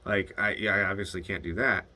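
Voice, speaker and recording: A man's voice: low voice, fairly even intonation, a little fast, sharp tone. A young man telling a video diary about a hard phone call, hesitant and swearing when upset. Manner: retells phone calls, quoting both sides. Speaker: video diarist. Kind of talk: casual confessional monologue.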